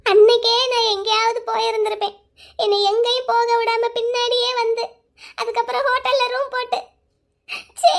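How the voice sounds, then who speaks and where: A woman voicing a hurt young wife in a cartoon drama, crying and accusing her husband loudly. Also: very high-pitched, little pitch movement, moderate pace. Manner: loud, accusing, bitter. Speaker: voice actor.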